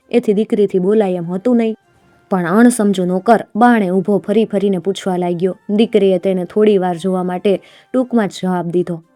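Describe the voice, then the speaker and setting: A woman narrating a folk tale in an unhurried, plain storytelling manner. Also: mid-range voice, dark tone, no echo.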